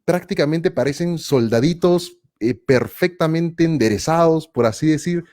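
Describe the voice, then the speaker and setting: A man hosting a live-stream interview, enthusiastic and quick to exclaim in wonder. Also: fairly high pitch, a little mellow. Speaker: host.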